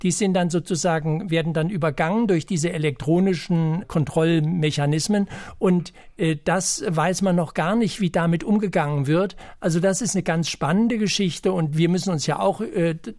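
A man on a radio panel who explains his view thoughtfully, pausing to search for words. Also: fairly high pitch, darkish tone, no echo, clean studio sound. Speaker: panel guest.

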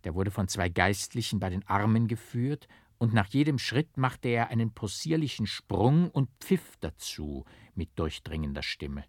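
Low-voiced man reading a novel. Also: big pitch swings, dry recording, studio quality. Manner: measured, dramatic storytelling. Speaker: audiobook narrator. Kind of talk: scripted literary narration.

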